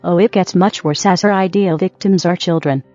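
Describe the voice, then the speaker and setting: A woman co-host trades scripted banter in a lowish, slightly mellow voice at a moderate pace, her manner dry, sarcastic and needling. The audio is dull and dry, with music playing in the background.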